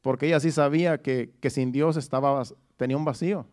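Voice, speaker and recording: A man's voice: medium pitch, steady tone, a little fast, darkish tone. A middle-aged man preaching a sermon in an earnest, personal way, often restarting his phrases. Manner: earnest, testimonial, with frequent restarts.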